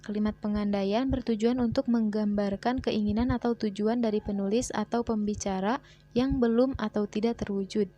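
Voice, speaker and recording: A woman teacher, reading a grammar lesson in a measured way and slowing down for example sentences. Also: mid-range voice, steady tone, warm tone. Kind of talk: scripted grammar lesson narration.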